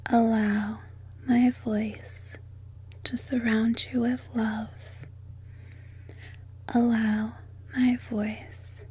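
Slow breathy whispering woman. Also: a little high, a little mellow. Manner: slow repetitive soothing whisper. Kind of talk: whispered sleep hypnosis.

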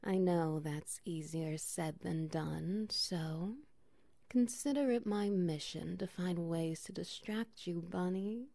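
A woman talks gently and slowly in a soothing ASMR comfort roleplay, often dropping into a whisper. Her voice sits a little low and carries a gravelly, fry-tinged edge. The sound is dry and close, with no room around it. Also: no echo. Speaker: ASMR performer.

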